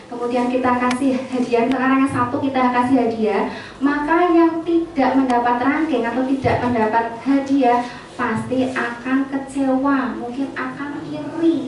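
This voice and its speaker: A woman's voice: high voice, far from the mic. Woman teacher, echoey room from afar. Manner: addresses listeners often, acts out short example scolding lines. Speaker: teacher giving a training session to fellow teachers. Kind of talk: spoken presentation to teachers.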